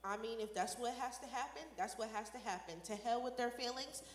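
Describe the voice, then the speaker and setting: A woman's voice: a little high, a little fast, lightly acted. Woman playing a cocky boss guy, brags and sneers, echoey room w/ long reverb tail. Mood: boastful. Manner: brash, impatient, mocking. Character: bossy boastful male go-getter leader. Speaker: skit performer.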